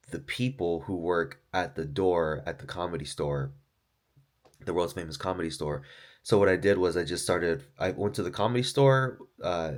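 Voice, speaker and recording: A man who is an author and podcaster, talking through his thoughts in a loose, rambling monologue, swearing often and saying "like" and "dude". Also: sits low. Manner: loose, profane, full of fillers like "like" and "dude".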